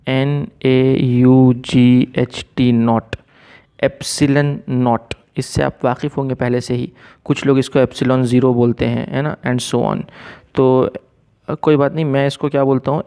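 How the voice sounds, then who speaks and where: A man teaching a recorded physics lesson, mixing Hindi with English terms, explaining slowly and checking in often with his students. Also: mid-range voice, darkish tone, clean tone.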